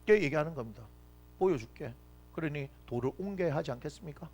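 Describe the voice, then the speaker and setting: A man preaching a lively youth sermon as pastor, swinging from loud exclamations to quiet asides and acting out Bible figures. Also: high-pitched.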